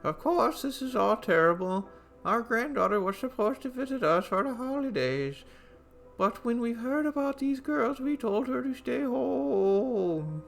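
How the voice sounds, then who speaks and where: Guy doing a fussy old lady, chatty, high voice, music faint behind. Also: lively intonation, unhurried, gravelly, fairly bright tone, full character voice. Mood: fussing. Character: fussy elderly housewife, hospitable.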